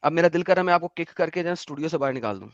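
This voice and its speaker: Brief: high-voiced man host, sarcastic and impatient, dry lo-fi audio. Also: expressive, no echo. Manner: impatient, sarcastic, mixes English. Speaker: debate host. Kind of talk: livestream debate.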